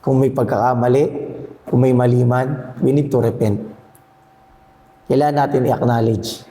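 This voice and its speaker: Hoarse man in an echoey church hall. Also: medium pitch, steady tone, moderate pace, warm tone. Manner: candid, self-deprecating, laughs often. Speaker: church member sharing at fellowship. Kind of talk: casual faith chat. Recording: echoey hall with long reverb.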